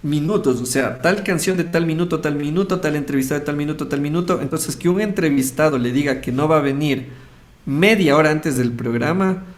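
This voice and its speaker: He's a radio host being interviewed as a guest, speaking a little fast in a slightly high voice with an Ecuadorian Spanish accent. Telling a personal story casually, he acts out fragments of the dialogue.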